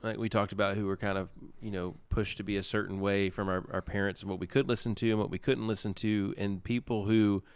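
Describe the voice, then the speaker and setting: A man co-hosting a casual podcast, telling stories in a rambling, animated way. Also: on the low side, fairly quick, few pauses, smooth. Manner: rambling, animated storyteller, restarts often. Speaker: podcast co-host. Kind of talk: casual chat.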